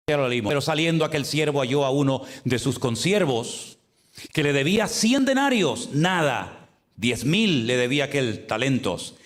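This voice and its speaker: A male pastor with a Spain Spanish accent preaching a sermon, lively and direct, with frequent rhetorical questions to the congregation. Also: a little high.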